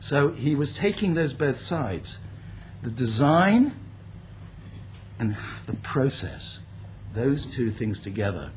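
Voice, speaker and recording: An older man who grew up in India gives an unscripted speech at a building opening, reflective and pausing often with fillers. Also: mid-range voice, very animated, a little hiss or hum. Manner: reflective, speaks off the cuff with many pauses and fillers. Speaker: guest speaker. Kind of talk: formal speech. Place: event hall at a building opening.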